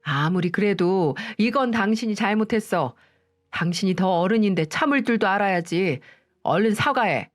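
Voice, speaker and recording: A woman's voice: medium pitch, lively intonation, moderate pace, faint music behind, close to an everyday voice. A woman doing a reproachful husband. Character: defensive husband siding with his sister.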